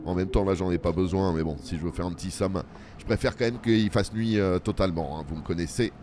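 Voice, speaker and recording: This is a man hosting a let's play, speaking quickly in a fairly low, darkish voice over a faint hiss or hum. His casual commentary mixes muttered running remarks to himself with self-deprecating jokes aimed at his audience.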